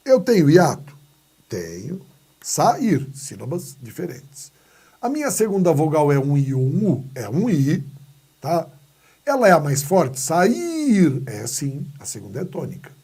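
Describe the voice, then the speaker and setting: Here a Brazilian man with a somewhat high, husky, dark-toned voice teaches grammar at normal speed in a sing-song manner. Playful asides, self-posed questions with his own answers, and acted-out skits fill the lively lesson, delivered in a Brazilian Portuguese accent and captured as a recorded video lesson.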